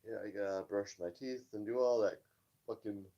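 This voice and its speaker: A man's voice: lowish voice, steady tone, moderate pace, dark tone, highs cut off. A tired, yawning man casually reading news stories aloud on a live stream, stumbling over words and tossing off dismissive asides. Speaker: livestream host.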